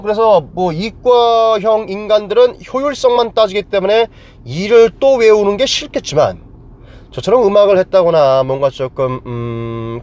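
A man's voice: high-pitched, a little mellow. A man teaching English grammar to a class, playful and joking, quizzing students with silly memory tricks.

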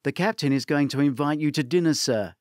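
A man's voice: fairly high pitch, no echo, close to an everyday voice. A shy, nervous young waiter in a storybook mystery, as the narrator puts him on, hurrying his words. The voice sits close and dry. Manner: quick, shy.

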